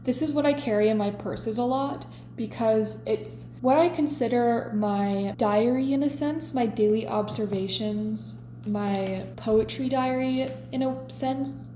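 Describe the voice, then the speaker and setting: Reading from her diary, a woman in her twenties chats on her vlog in an easygoing, confessional way. Her fairly high, mellow voice has soft edges and an unhurried pace. There's slight hiss beneath it, and the space sounds clearly echoey.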